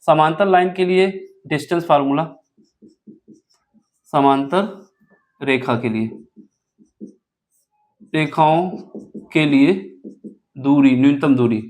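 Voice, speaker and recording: A man's voice: a little high, slow pace, long pauses, darkish tone. A man teaching a board-exam math lesson step by step, asking questions and answering them himself. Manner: asks rhetorical questions and answers them, self-correcting aloud.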